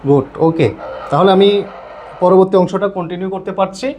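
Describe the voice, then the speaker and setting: High-voiced man teaching an online class. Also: moderate pace, darkish tone, slight background noise. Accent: Bangladeshi Bengali. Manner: explains step by step, often checks in with students.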